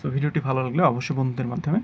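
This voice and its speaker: A young man with a Bengali accent teaching English pronunciation, repeating each word twice in a slow, deliberate way. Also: mid-range voice, fairly even intonation, a little mellow, slight background noise.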